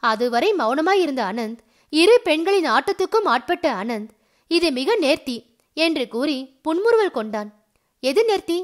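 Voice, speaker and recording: A woman reads a novel aloud with an expressive storytelling delivery. Her voice is high and moves freely up and down. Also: moderate pace. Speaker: audio novel narrator. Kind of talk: storytelling narration.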